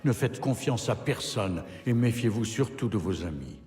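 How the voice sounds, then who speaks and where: Solemn male letter voice-over, actor, lowish, reverberant, formal. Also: expressive, moderate pace, a little mellow, lightly acted. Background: game music.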